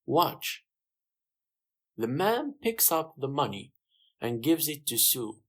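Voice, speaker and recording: A narrator reads an easy story for English learners, keeping each short sentence clear. The pace is slow and the pitch moves in a lively, expressive way.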